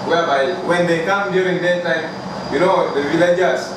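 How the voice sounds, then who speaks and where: A slightly high voice with fairly even intonation belongs to a young athlete from northern Uganda who recounts his life in interview answers. He speaks haltingly with a northern Ugandan accent and repeats phrases often. The camera mic sits a few feet away in a small bare room that is very echoey, with clear background noise.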